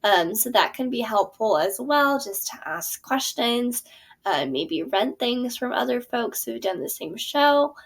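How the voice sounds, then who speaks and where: Speaking at a measured pace in a slightly high, animated voice, a young adult woman who teaches theater and designs curricula gives a casual walkthrough of her course plan. She chats along with frequent ums and corrects herself often.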